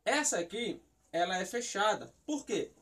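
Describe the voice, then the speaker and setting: A man's voice: high-pitched, expressive, moderate pace, fairly bright tone. Brazilian man explaining with repeated questions. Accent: Brazilian Portuguese. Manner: explanatory, asks and answers his own questions, repeats words while thinking. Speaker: teacher of biblical Hebrew. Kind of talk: recorded lesson explaining Hebrew syllables.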